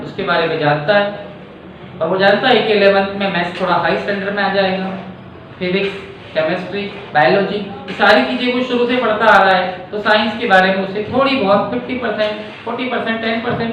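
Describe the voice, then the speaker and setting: A male teacher from India explaining a lesson slowly, using everyday examples and often checking in with his students. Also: high voice, steady tone, a bit bright. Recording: echoey room, distant mic, faint noise.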